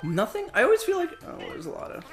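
A young man co-hosting a video game playthrough, jokey and casual, swearing often. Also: fast talker. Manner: jokey, swears a lot, lively pitch. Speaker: co-host playing a video game. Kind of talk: casual gaming commentary. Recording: faint music behind.

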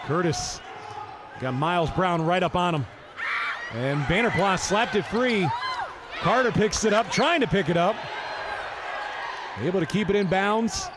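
A high-pitched man calls a basketball game in fast sports commentary. His delivery is clipped and urgent, over a busy crowd and clear arena noise. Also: lively intonation. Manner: clipped, urgent play-calling. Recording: noisy arena with crowd behind. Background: crowd and bouncing basketball in arena.

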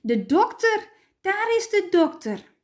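Shrill, eager little storybook children shouting over each other, as a woman puts them on. The voices jump high and lively, with a slow, careful delivery underneath. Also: heavily acted. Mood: excited.

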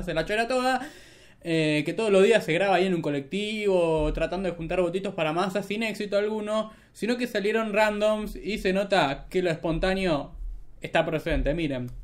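A man's voice: high-pitched, a little fast. A young Argentine man doing casual political commentary as a streamer, sarcastic and mocking, at a desk mic in a small room. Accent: Argentine Spanish.

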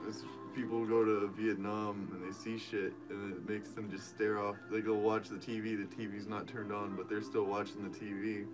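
A man telling a story casually, rambling and halting, with lots of fillers. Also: lowish voice, level tone, over music, poor audio.

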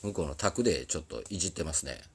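A man's voice: extremely low pitch, lively intonation, quick pace, fairly bright tone, slightly rough. A man with an Osaka accent, a musician chatting casually on a live stream from a recording studio, rambling and apologizing, often laughing. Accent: Osaka dialect.

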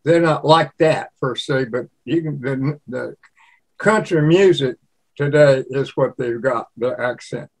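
A man's voice: medium pitch, unhurried. A man in his eighties from Louisiana, a cookbook author, chatting in an interview and telling rambling stories. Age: 80s. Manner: rambling storyteller, slips into regional imitations. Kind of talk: casual interview chat.

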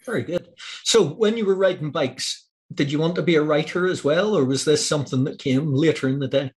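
A man's voice: a little high, brisk, darkish tone. An Australian man hosting an author interview over a video call from a home office, friendly and asking questions in long run-on sentences. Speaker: interview host. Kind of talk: casual interview. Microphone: video call webcam.

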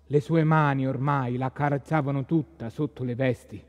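A man giving a measured staged reading of a literary story in a library hall. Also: medium pitch, steady tone, highs cut off. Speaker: stage reader.

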